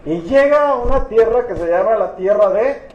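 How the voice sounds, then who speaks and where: High-voiced pastor preaching in an echoey church. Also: male voice, animated, moderate pace, highs cut off. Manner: storytelling with humor, acting out biblical figures. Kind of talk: sermon.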